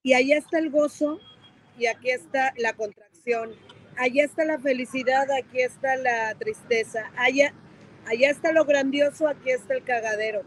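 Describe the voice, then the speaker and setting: A woman's voice: high voice, normal speed, slight background noise, rough recording. A woman on a podcast panel, talking emphatically and repeating her key words. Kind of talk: casual podcast panel talk.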